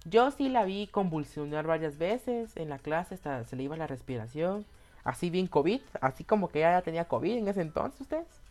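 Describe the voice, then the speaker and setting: A man's voice: a little high, a little mellow. A flamboyant young man with a Guatemalan Spanish accent tells a casual story straight to his viewers. He swears freely and keeps tagging his sentences with "va.". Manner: flamboyant, self-described effeminate. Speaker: vlogger telling a personal story.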